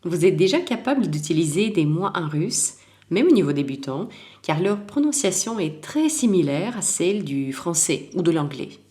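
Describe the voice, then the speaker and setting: A woman teaching a recorded language lesson, calm and clear, repeating words so learners can practise. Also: lowish voice, normal speed.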